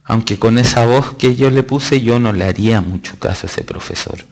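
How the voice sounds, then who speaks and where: At a normal speed and with a darkish, medium-pitched voice, a Chilean Spanish–accented test-prep teacher explains a live online lesson step by step. Emphatic stresses and chatty asides run through his delivery.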